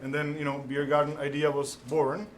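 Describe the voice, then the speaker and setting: A middle-aged Czech restaurant owner with a Czech accent chats casually in an interview, halting often, using many fillers, and laughing easily. His voice is on the high side and completely flat, with a little hiss or hum in the recording.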